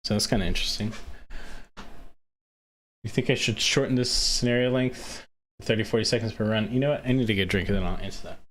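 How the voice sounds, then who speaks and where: A man's voice: lowish voice, fairly even intonation, fast, long pauses, a bit bright. A tipsy man chatting casually on a livestream as an aim coach, answering viewers in a loose way that drifts off mid-thought.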